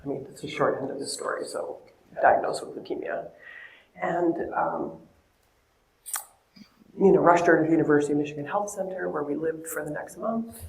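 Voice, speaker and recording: A woman's voice: low voice, normal speed, long pauses, darkish tone. A woman in her fifties telling personal stories at a talk, earnest, conversational and emotional. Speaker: speaker at a talk. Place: event venue with audience. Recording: echoey room.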